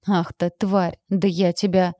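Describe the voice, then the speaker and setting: A woman's voice: lowish voice, moderate pace, dark tone, dry recording, clean studio sound, close to an everyday voice. A woman reading the part of a rude, arrogant young male wolf shifter who sneers and snarls insults. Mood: sneering.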